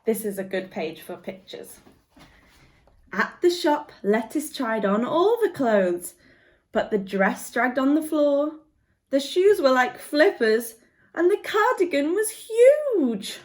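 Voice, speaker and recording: A woman with a high voice reads a picture book to young kids as a guest reader. She goes slowly, telling the story with plenty of expression.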